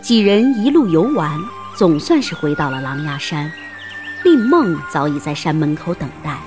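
A woman narrating a historical-fiction audiobook in an expressive storytelling manner. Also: deep voice, moderate pace, music in the background.

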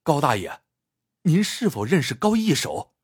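A man voicing a grateful, earnest male boss who speaks a little higher in a husky voice. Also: big pitch swings, a little slow, no room sound, studio quality, heavily acted.

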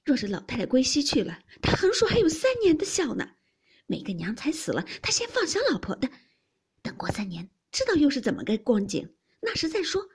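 A woman voicing a proud young maidservant who bursts out in sharp, indignant protest, with a husky, breathy voice. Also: medium pitch, big pitch swings, normal speed, exaggerated voice. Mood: defiant.

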